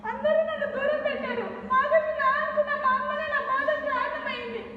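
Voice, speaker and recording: A woman's voice: very high voice, steady tone, fairly quick, muffled recording, background noise. Young woman crying out on a stage. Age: young adult. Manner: tearful, pleading, anguished. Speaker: student actor playing the sick daughter. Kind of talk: stage drama acting. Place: large hall, stage. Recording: echoey hall from far off.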